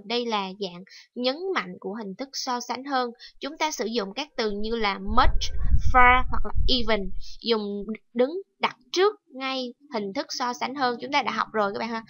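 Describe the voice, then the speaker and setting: High-voiced woman teaching a reading lesson. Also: fairly bright tone, dry recording, dull audio. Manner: explains step by step, repeats key words. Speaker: English teacher.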